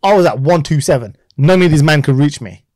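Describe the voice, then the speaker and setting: A man's voice: on the high side, animated, a little fast, darkish tone, dry recording, clean studio sound. A young man with a southern English urban slang accent, bantering casually and telling boastful, laddish stories full of bro talk.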